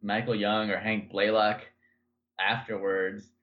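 Podcast co-host, man, lowish voice, easygoing storyteller, slightly muffled sound. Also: slow. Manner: relaxed storytelling with many fillers. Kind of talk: casual podcast chat.

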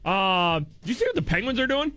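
High-voiced American radio host hyping a contest promo. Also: male voice, brisk. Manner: excitable, informal, repeats himself for emphasis. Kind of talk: upbeat radio contest promo and morning show banter.

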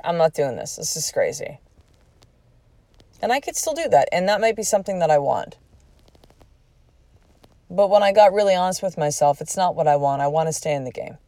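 A woman's voice: on the low side, fairly quick, long pauses, no echo. A woman in her forties, a podcast host telling a personal story in a candid, profane way, acting out what people said. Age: 40s. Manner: candid and profane, animated retelling with quoted speech.

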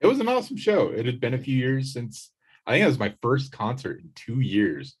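A man's voice: medium pitch, very animated, fairly quick, breathy edge. A man speaking as a sports beat writer in casual podcast chat, conversational and wry.

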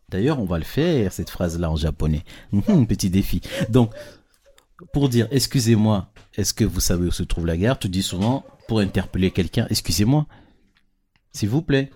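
A man gives children an easygoing lesson over a handheld mic, his voice fairly low and darkish in tone. He stays patient, asking frequent questions to confirm they follow along.

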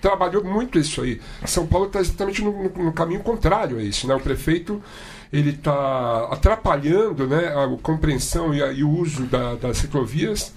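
A man's voice: fairly high pitch, a little fast, a little hiss or hum. A man from Brazil in a casual roundtable discussion, talking animatedly and mimicking other people.

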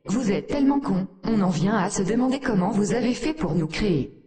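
In an echoey room, a performer voices a sardonic female AI who looks down on humans with cold, scornful contempt. The voice is medium-pitched, animated, brisk, warm, and natural-sounding.

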